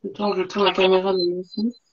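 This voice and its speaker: A woman in her forties from Marseille, in southern France, chats casually as an interview guest over a lo-fi video call; she is an entrepreneur and school coach. Her medium-pitched voice stays fairly flat in pitch and runs a little fast.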